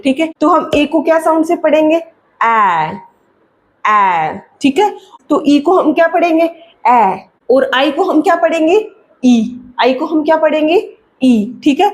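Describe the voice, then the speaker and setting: Woman, high voice, phonics teacher, repetitive question-and-answer, stretched-out vowel sounds. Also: dark tone. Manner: repeats questions and answers, frequent "ठीक है" check-ins; stretches sounds slowly when modelling them. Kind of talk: instructional lesson for parents.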